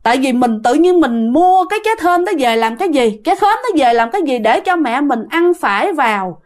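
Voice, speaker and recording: A woman's voice: sits high, expressive, a little fast. A woman telling a ghost story in casual spoken style, talking straight to the listener with many fillers. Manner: addresses the listener directly, many fillers like "á" and "nha".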